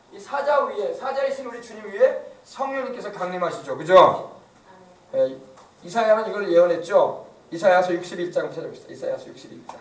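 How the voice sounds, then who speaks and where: A male pastor preaching a sermon, emphatic and often asking the congregation questions. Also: sits high. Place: church. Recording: echoey church from far off.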